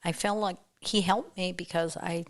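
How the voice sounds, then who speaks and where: An older woman as a podcast guest, talking casually in a halting way, often trailing off and restarting. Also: lowish voice, steady tone. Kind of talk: casual interview chat.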